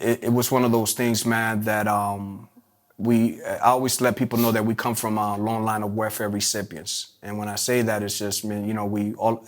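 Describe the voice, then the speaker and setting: A man from Puerto Rico, telling his life story in an interview with many fillers and restarts. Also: lowish voice. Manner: halting, many restarts and fillers, streetwise phrasing. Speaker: interview guest.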